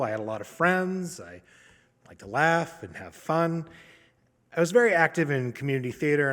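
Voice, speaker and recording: A man in his thirties telling a personal story on stage, casual and self-deprecating with dramatic pauses. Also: on the high side, a bit bright. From Maine. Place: opera house stage. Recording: long hall reverb.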